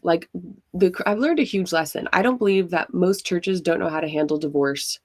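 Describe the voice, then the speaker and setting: A woman from Hawaii appears as a podcast guest, telling her own story candidly and casually with plenty of fillers. Her voice is on the low side and a little mellow, at a moderate pace. The recording is dry.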